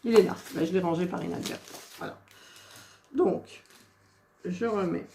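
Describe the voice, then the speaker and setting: A woman narrates her own craft work in a slow, unhurried way, muttering as she searches for missing pieces. Her voice rings in an echoey room with a faint hiss behind it. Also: on the low side, gravelly, dark tone. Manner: talks to herself while searching, exasperated asides. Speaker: crafting vlogger. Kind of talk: casual crafting chatter.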